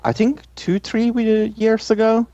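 A man co-hosting a casual podcast, talking with many fillers and pauses. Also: high voice, flat delivery, warm tone, dry recording. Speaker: podcast co-host. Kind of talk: casual chat. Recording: dull lo-fi sound.

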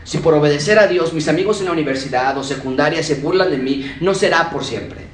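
A man's voice: a little high, a little fast, a little hiss or hum. A man preaching a sermon, shifting emphatically and acting out quotes. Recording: roomy, distant mic with faint ambience.

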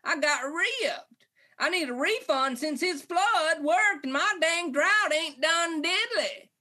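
A woman's voice: extremely high pitch, lively intonation, slow pace, sharp tone, full character voice. A woman voicing an indignant male farmer with a folksy rural drawl and country slang. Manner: indignant, grumbling complaints. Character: folksy male farmer, feuding, easily riled. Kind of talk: comedy sketch acting.

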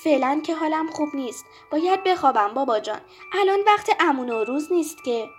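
A weary, unwell father, as a woman storyteller puts him on speaks softly and kindly to his daughter. He sounds tired and gentle. Soft music plays faintly behind the children's audio story. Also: sits high, animated.

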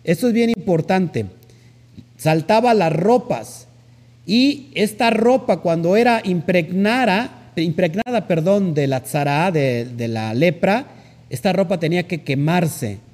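A man preaching a sermon to his congregation, teaching with rhetorical questions and pausing often to find his words. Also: high-pitched, expressive, darkish tone, big-room sound.

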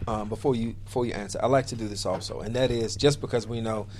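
A man's voice: fairly low pitch, steady tone, quick pace, darkish tone, a little hiss or hum. A man hosting a casual radio interview, often repeating words as he starts his phrases. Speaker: radio show host.

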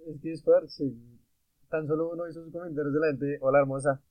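A young man hosting a casual podcast chat, telling animated stories full of swearing. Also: a little high, brisk, no room sound, rough recording. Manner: animated crude storyteller, swears a lot. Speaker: podcast host.

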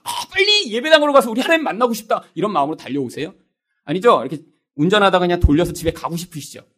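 A male pastor delivers a sermon in a high voice. His pitch swings widely as he puts rhetorical questions to the congregation. He slips into quoted voices to act out everyday excuses. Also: a bit bright.

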